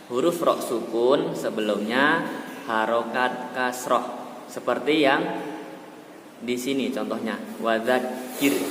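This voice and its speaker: A man teaching Quran recitation to children in a slow, patient manner. He demonstrates each sound carefully. The voice rings in a roomy space with a long echo. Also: mid-range voice, a bit bright, slight background noise. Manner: patient, demonstrates words slowly. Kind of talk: tajweed lesson for children.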